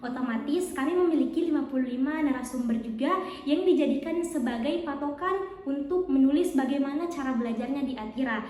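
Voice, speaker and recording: A high-voiced young woman in her teens or early adulthood, a student co-author of a book, answers interview questions as a guest on a school podcast. She speaks fairly quickly with a dark tone, explaining things in a long, very echoey, reverberant hall.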